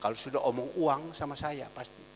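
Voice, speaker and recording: A man pastor preaching a sermon, shifting between loud exhortation and quiet storytelling. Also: medium pitch, a little fast, gravelly, big-room sound. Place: church hall.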